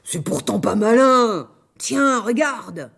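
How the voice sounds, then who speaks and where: A woman voicing the spiteful young daughter of an ogress, giving snappish orders in a husky, lively voice. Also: a little high, slow, full character voice. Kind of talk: storybook character voice.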